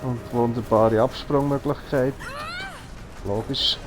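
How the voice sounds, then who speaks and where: Slow-talking man with Bernese Swiss German accent. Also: mid-range voice, steady tone, music in the background. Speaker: let's play host. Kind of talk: casual gameplay commentary. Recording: clear noise behind the voice. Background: video game noise.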